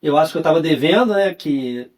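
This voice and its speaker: A young adult man with a Rio de Janeiro accent and a slightly high voice. He talks as a podcast guest in a relaxed, storytelling way, often tacking on a questioning little tag to his phrases. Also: brisk. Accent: Carioca (Rio de Janeiro) Portuguese. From Rio de Janeiro, Brazil. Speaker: guest, journalist and writer. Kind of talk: casual interview chat.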